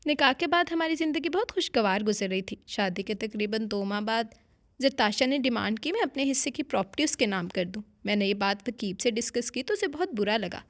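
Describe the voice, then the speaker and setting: Young husband, tender but quick to anger, read by a woman in her own raised voice, audiobook. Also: high voice, animated, a bit bright. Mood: recounting. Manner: tender, sometimes irritated. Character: young man, loving and quick-tempered husband. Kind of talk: audiobook character reading.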